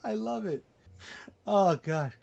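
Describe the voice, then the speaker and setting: A man's voice: high-pitched, lively intonation, takes it slowly, gravelly, a little mellow, lo-fi sound. A man co-hosting a podcast in casual chat, joking and reacting with animation. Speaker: podcast co-host.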